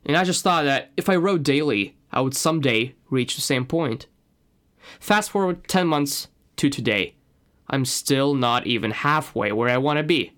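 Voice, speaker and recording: A man's voice: medium pitch, expressive, normal speed, a bit bright. A man from Russia with a slight Russian accent, introducing his own podcast in an earnest, personal way. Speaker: podcast host.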